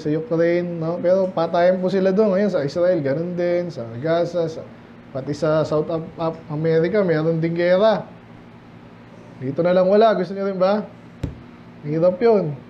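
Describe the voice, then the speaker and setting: Male pastor, Filipino accent, fairly high voice, verse-by-verse Bible teaching, slow English scripture reading, muffled recording with faint hiss. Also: dark tone. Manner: reads King James verses slowly in English, then explains in Taglish. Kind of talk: verse-by-verse Bible study preaching. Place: church sanctuary, indoors.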